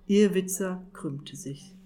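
A woman narrating a fantasy story in a measured, expressive reading. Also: on the low side. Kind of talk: audiobook reading.

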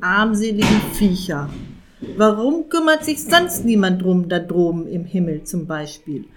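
Woman putting on a croaking grumpy male raven. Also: fairly high pitch. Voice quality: croaking, raised and loud. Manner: complaining, pessimistic. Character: grumpy male raven, gloomy old vagabond. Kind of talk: storybook reading.

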